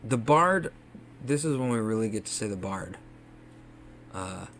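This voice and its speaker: A man's voice: fairly low pitch, animated, measured pace, fairly bright tone, a little hiss or hum. A man co-hosting a casual podcast, chatting enthusiastically and acting out quotes. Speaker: podcast co-host. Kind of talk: casual chat.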